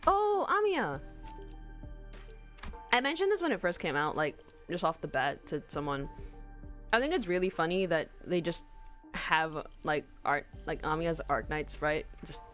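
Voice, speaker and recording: A woman's voice: deep voice, moderate pace. A woman streaming a game in casual, chatty commentary, giggling and gushing with lots of fillers. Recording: loud game music behind the voice.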